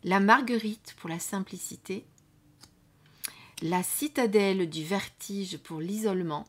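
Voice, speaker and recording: Soft-spoken woman going through oracle cards at home, mid pitch, lots of little "euh" fillers, trails off quiet. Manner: soft-spoken, often trailing off into near whispers; unhurried, with frequent "hein" and "euh" fillers. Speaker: card reading channel host. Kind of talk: casual product review. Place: indoors at home under studio lights.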